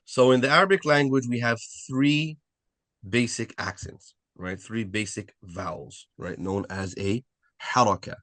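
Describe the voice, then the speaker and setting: Here a man with a mid-range, fairly bright voice speaks a little slowly as he teaches a live online language class for beginners. He repeats key points, explains one step at a time, and regularly asks "right?"; the audio has no echo.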